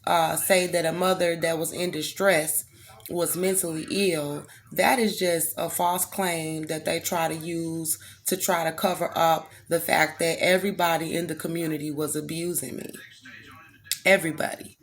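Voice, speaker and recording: Woman vlogger, low voice, angry and emphatic, strained throat, faint noise behind. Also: steady tone, moderate pace. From United States. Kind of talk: direct-to-camera monologue.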